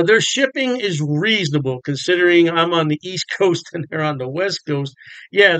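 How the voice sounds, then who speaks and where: Chatty older man, clear dry voice. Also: a little high, fairly bright tone, dry recording, rough recording. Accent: American. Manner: chatty, folksy, enthusiastic. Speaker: beer vlogger. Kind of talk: casual talk to camera. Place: home bar room with framed beer signs.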